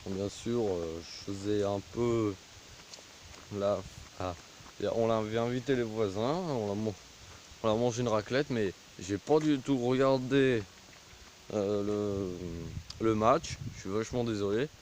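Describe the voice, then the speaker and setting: Man, slow hesitant vlogger, lowish voice, filming himself on a country walk with faint rural noise behind. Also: a little mellow. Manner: hesitant, full of fillers and trailing "voilà, hein". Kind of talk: rambling outdoor vlog. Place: outdoors on a country path in a village. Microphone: phone on a pole held while walking.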